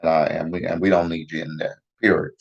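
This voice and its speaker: A man giving casual, profane news commentary in a heated, repetitive rant, a little hoarse. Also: rumbling low, flat delivery, quick pace, dull audio. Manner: profane, heated, repetitive, laughs at own jokes. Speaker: vlogger giving street-style news commentary.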